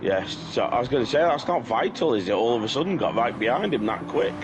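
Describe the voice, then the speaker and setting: A man's voice: medium pitch, sing-song, fast. A British man co-hosting a race stream, chatting casually, joking and laughing often, repeating himself as he talks. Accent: British English. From Britain. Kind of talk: casual banter over race commentary. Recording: dull lo-fi sound with clear noise.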